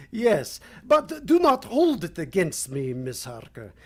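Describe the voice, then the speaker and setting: A courtly vampire count from old-time radio drama, played by a woman. The voice is breathy and rough, unhurried yet richly inflected. Every phrase is formal and suave, with a sinister edge. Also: fairly low pitch, wildly swooping pitch, darkish tone, full character voice. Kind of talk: vintage radio drama acting.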